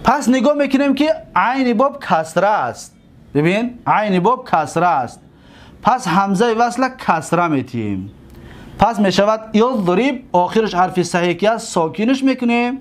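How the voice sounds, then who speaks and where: A man's voice: high-pitched, sing-song. A man with a Tajik accent teaching Arabic grammar in a classroom lesson, repeating word forms syllable by syllable and checking understanding with questions.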